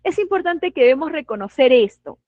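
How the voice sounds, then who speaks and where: A woman's voice: sits high, lively intonation, no echo, phone-quality sound. A woman with a Peruvian Spanish accent teaching an online nursing class, asking the students questions, praising their answers and acting out patients and staff. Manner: acts out patients and staff in quick put-on voices; asks the class questions and affirms their comments. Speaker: nursing instructor.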